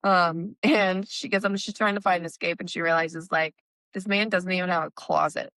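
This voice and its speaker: Casual book-podcast co-host, a woman with a lowish, smooth voice. She recaps in a chatty style with lots of fillers, and the recording is dry and close. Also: fairly even intonation, brisk, fairly bright tone, dry recording. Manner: chatty retelling, frequent "like" and "um". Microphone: remote call.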